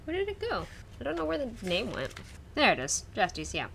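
A woman's voice: fairly high pitch, wildly swooping pitch, a little fast, vocal fry, fairly bright tone, a little hiss or hum. A woman co-hosting a book podcast, giving short agreeing replies and reading passages aloud from the book. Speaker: podcast co-host. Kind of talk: casual book discussion.

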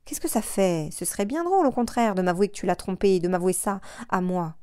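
A woman's voice: medium pitch, very animated, fairly quick, warm tone, clear, resonant tone, dry recording, clean studio sound, natural voice. A woman voicing a jealous young husband who needles his wife with insistent questions. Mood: needling, insistent.

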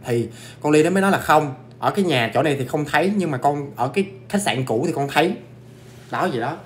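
Animated and fast-talking, a man with a fairly high voice runs a laid-back ghost-story stream. He eats while chatting and speaks straight to his viewers.

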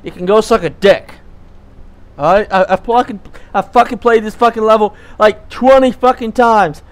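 A man's voice: high-pitched, moderate pace. A young American man giving casual, rambling commentary on a train game, often swearing in frustration. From United States. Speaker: gameplay streamer.

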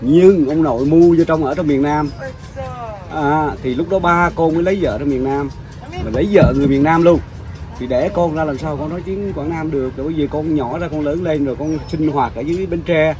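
A man's voice: on the high side, fairly quick. A man, an older family relative, chatting casually and explaining family background at length. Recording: crowd chatter around.

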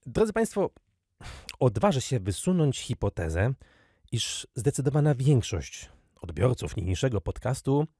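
A man's voice: medium pitch, slightly rough, no echo, studio quality. A man in his thirties from Poland, giving a prepared, lecture-style podcast talk and addressing the listeners directly. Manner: measured, addresses listeners directly, lively intonation. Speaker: university lecturer, podcast guest.

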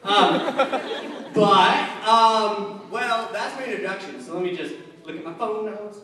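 A young man from Long Island doing a stand-up comedy set on a stage, lively and scattered with many fillers, recorded from far off in a large hall with the audience laughing. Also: high voice, measured pace, a crowd in the background. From Long Island, New York. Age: young adult. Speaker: stand-up comic. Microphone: handheld mic, filmed from far seats.

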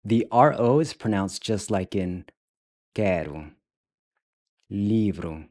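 A man teaching a beginner language lesson, speaking deliberately and repeating each word several times. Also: fairly low pitch, expressive, darkish tone, no echo, clean studio sound.

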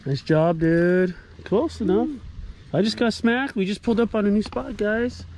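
A man in his thirties hosting a casual fishing vlog from a bass boat on a lake, talking in an excitable, joking way into an action camera. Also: moderate pace, a little hiss or hum, rough recording. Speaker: fishing vlogger.

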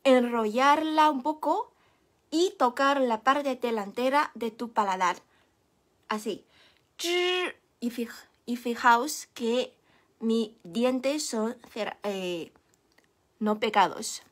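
A woman's voice: a little high, takes it slowly, pauses often. A young woman whose first language is Chinese, giving a patient, encouraging Mandarin lesson and demonstrating sounds. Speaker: Mandarin teacher. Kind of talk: live online language lesson.

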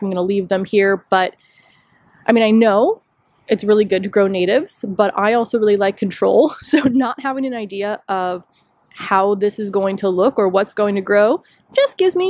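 A woman's voice: mid-range voice, a little mellow, dry recording. Chatty woman touring her rooftop garden. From Chicago area. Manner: chatty, self-deprecating, thinking aloud. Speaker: garden vlogger. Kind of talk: casual walking tour narration. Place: outdoor rooftop deck. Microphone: handheld phone camera, speaker off screen.

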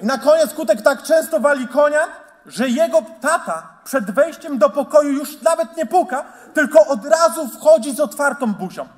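A man delivering jokes at a stand-up roast, slowing into dry, flat asides. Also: extremely high pitch, long reverb tail. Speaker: roast comedian.

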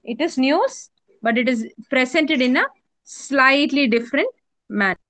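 A woman with an Indian English accent teaching a journalism class online, explaining patiently, repeating her points and pausing with many fillers. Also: high voice, lively intonation, a bit bright, no room sound.

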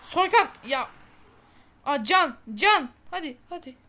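Bright, high-voiced woman host, excited game commentary, unhurried between outbursts. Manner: chatty, urging players on, shouting goals, boasting to viewers. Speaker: gaming channel host. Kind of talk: excited let's-play commentary.

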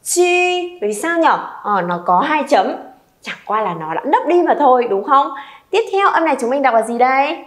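A woman's voice: high voice, expressive, brisk. A Vietnamese woman teaching a language class, leading students through pronunciation drills and encouraging them to repeat aloud. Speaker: Chinese teacher.

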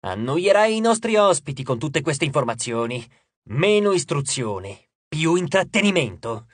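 A man voicing a pompous, grumpy male sea god who talks like a booming showman announcer, slow and loud. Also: sing-song, slightly rough, no room sound. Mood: bossy.

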